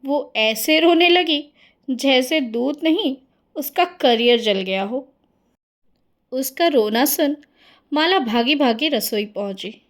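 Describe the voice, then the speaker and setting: A woman's voice: high-pitched, animated, takes it slowly. A woman narrating a cartoon story in a friendly storytelling manner.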